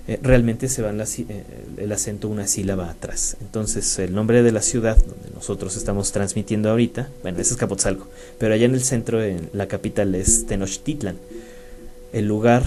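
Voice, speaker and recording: A man's voice: fairly low pitch, mellow. A man with a Mexican Spanish accent, hosting a radio talk and explaining things with frequent fillers and restarts. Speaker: radio show host. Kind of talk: educational radio talk on place names. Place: radio studio.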